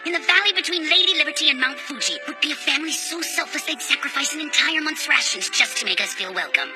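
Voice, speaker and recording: A woman's voice: a little high, close to an everyday voice. A woman voicing a scheming, fame-hungry alien TV star in a parody cartoon dub, talking brashly and boastfully. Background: music.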